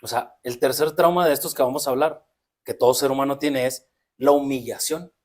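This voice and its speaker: A man's voice: medium pitch, steady tone, brisk. A man with a Mexican accent talking reflectively in a casual podcast conversation, explaining at length. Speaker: podcast co-host.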